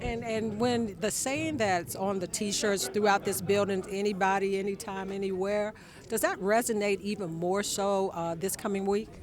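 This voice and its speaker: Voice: medium pitch, steady tone, normal speed, crowd noise. A sports reporter asking interview questions in a locker room.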